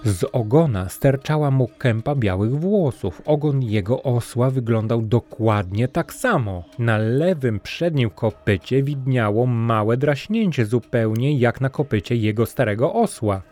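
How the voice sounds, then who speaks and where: Mellow-voiced man reading a fairy tale. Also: lowish voice. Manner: calm, measured storytelling. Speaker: podcast storyteller. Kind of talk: scripted fairy-tale narration. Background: soft music.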